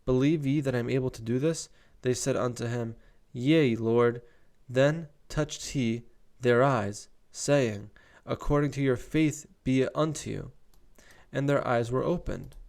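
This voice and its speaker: A man's voice: mid-range voice, gravelly, darkish tone. A young man reading Bible verses aloud and breaking off to comment casually on them. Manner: reads scripture aloud, stops to comment casually.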